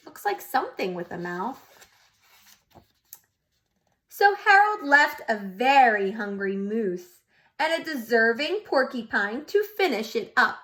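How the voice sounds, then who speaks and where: With a voice that's a little high, a preschool teacher reads a picture book expressively to small children, pausing to put questions to them.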